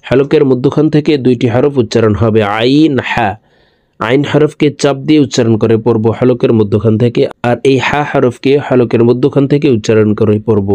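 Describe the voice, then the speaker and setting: Man slowly spelling out Quran reading lessons. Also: mid-range voice, steady tone, dark tone, dry recording. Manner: slow, drawn-out syllable recitation between quick explanations. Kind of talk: recorded lesson, spelling out letters.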